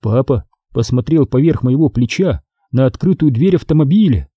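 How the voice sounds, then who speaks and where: A man reading an audiobook aloud in a dramatic, expressive storytelling manner. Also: mid-range voice, normal speed, no room sound, dull audio. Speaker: audiobook reader.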